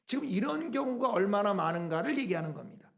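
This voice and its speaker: A middle-aged man delivers a sermon from the pulpit. His voice sits high and moves with lively swings in pitch. He poses question after question to the congregation and slips briefly into quoted voices. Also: fast talker, vocal fry. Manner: animated preaching with rhetorical questions; acts out quoted speech. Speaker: pastor.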